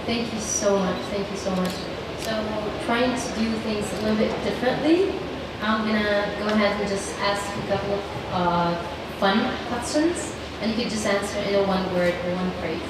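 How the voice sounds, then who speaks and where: A woman's voice: medium pitch, fairly even intonation, moderate pace, few pauses. A young woman moderating a conference panel, hesitant, with many fillers. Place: conference hall. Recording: echoey hall, mic far, noisy.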